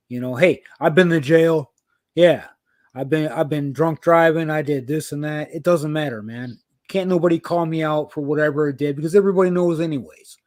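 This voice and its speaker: A man in his fifties chatting bluntly on a livestream, swearing freely and swinging from calm talk to heated outbursts. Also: a little high, dry recording, clean studio sound. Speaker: livestreamer sharing news of predator cases. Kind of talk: casual livestream chat. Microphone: video call.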